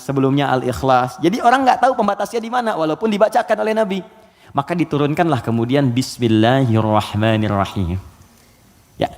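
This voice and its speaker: A male Islamic preacher giving a lively sermon to an audience, telling stories and chanting Quran verses. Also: mid-range voice. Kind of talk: lecture sermon. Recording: long hall reverb.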